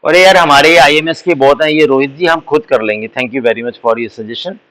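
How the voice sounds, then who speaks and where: In a live online exam-prep class, a man mixes Hindi and English, calls his students beta, and explains things slowly and deliberately. His voice is fairly high and bright, captured on a low-quality recording.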